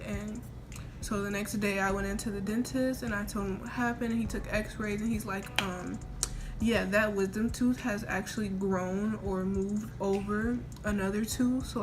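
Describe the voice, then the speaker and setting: A young adult woman chatting casually as a vlogger, telling a personal story in an informal, rambling way with a mouth sore from oral surgery. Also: medium pitch. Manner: informal, rambling, quoting herself. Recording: noisy homemade recording with room ambience.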